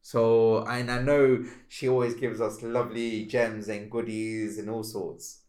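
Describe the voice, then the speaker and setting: A man co-hosting a casual spiritual podcast, animated and exclamatory as he acts out his reactions. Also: lowish voice, measured pace. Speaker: podcast co-host.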